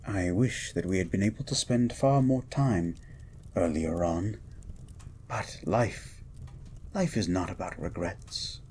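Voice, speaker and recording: In a romantic audio roleplay, a man voices a gentle, erudite beast of a scientist, devoted and flirtatious, lingering over eloquent, formal phrases. His voice is deep and slow, with a little hiss or hum in the recording.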